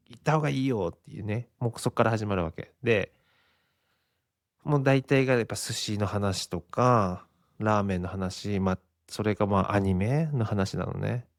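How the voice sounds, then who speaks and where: A man's voice: lowish voice, vocal fry, dry recording, clean studio sound. A Japanese man in his forties hosting a casual solo podcast, rambling and chuckling often at his own expense. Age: 40s. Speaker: podcast host.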